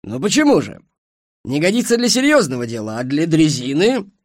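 Male reader doing an old machinist: high, lively, dry and knowing. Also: fairly quick, dry recording. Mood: wry.

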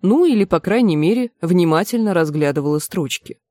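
A woman narrating an audiobook in an even storytelling manner. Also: lowish voice, fairly quick, dry recording. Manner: even storytelling, acts out the dialogue. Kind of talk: scripted narration.

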